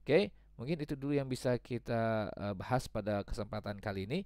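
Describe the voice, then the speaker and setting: A man's voice: mid-range voice, fairly quick, a little mellow, dry recording. A man teaching English to children, patiently repeating each example and translating it. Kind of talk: explaining a grammar lesson to children.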